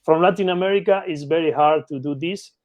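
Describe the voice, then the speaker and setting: A male interview guest from Patagonia, Argentina, works as a mergers and acquisitions consultant and explains his field conversationally. His voice is slightly higher-pitched, with an Argentine Spanish accent and a brisk pace, and he keeps checking in with short tag questions. The sound is close and dry.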